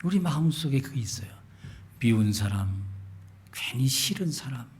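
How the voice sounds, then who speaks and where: A man from Gangwon Province preaching a Sunday sermon as pastor, animated, mimicking dialect phrases and sometimes dropping to a whisper. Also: medium pitch, moderate pace. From Gangwon Province, Korea. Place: church sanctuary.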